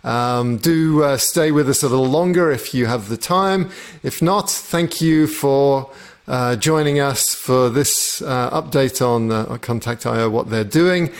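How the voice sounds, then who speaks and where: A man hosting a podcast talks with a guest in a relaxed, easy way. His voice sits at an ordinary pitch for a man, with the odd filler between phrases. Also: measured pace. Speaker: podcast host. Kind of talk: casual interview talk.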